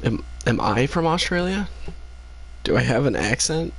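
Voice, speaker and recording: His mid-range voice swings widely in pitch, with vocal fry and a breathy edge, at a moderate pace. The speaker is a tired young man live-streaming a game late at night, rambling casually with viewers, filling gaps with fillers and reading chat aloud.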